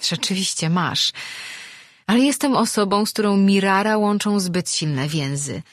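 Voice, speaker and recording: A woman's voice: mid-range voice, measured pace, dry recording, pitched above the performer's own voice, lightly acted. A woman voicing a wry, self-assured ancient sorceress who teases with dry humor. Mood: teasing advice. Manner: teasing, dry.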